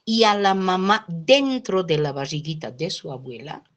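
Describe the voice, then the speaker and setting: Woman, sociology lecturer, storytelling lecture, slightly low voice, frequent checking tags. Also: normal speed. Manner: lively storytelling, often adds checking tags like "¿no?" and "¿sí?". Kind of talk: lecture told through anecdotes.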